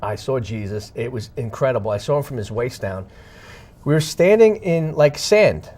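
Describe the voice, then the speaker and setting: A man's voice: mid-range voice, animated, normal speed. Man telling a dramatic testimony. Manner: dramatic, swinging between hushed and loud; acts out dialogue in his retelling. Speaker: guest sharing a testimony. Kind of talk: emotional storytelling.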